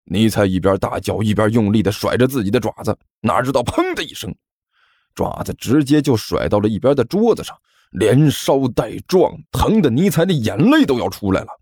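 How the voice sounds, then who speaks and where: A man narrating a comic storybook, voicing characters with lively shouts. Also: medium pitch, a little fast, husky, no echo, clean studio sound. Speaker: audiobook narrator.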